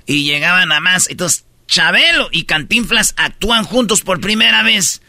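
Bright slangy Mexican radio host. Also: male voice, high-pitched, expressive, normal speed, dry recording, clean studio sound. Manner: slangy, storytelling, rambling. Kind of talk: casual radio chat.

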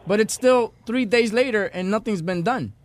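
A man's voice: high-pitched, a little slow. A man co-hosting casual radio talk, retelling things in slangy Spanish mixed with English. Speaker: radio show co-host.

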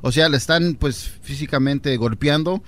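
A man's voice: on the high side, fairly bright tone. Man reporting news on a radio show. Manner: halting news reporting with fillers.

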